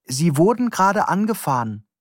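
A man's voice: high-pitched, big pitch swings, moderate pace, dry recording, clean studio sound, voice pushed up. Man voicing a meek bumbling man, hesitant, trailing off, raised voice, audiobook. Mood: earnest. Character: bumbling, meek middle-aged man, talks himself into trouble.

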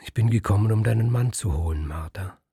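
A man's voice: brisk, creaky, slightly rough, no echo, clean studio sound, full character voice. Death, a man voicing a sad weary figure. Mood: sorrowful. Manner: quiet, sorrowful and low.

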